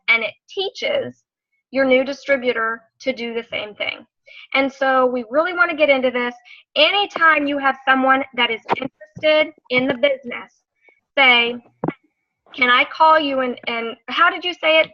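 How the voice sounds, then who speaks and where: Upbeat team leader, woman, higher pitch, dry, dull call audio. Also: dry recording. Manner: upbeat, enthusiastic, quick to praise. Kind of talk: casual team meeting talk. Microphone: video call.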